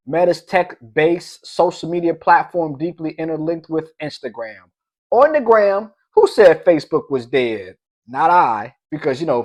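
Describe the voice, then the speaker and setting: Young male finance vlogger, casual and hype, very expressive pitch swings. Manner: animated, hyped, slangy asides and playful sound effects. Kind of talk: casual energetic commentary.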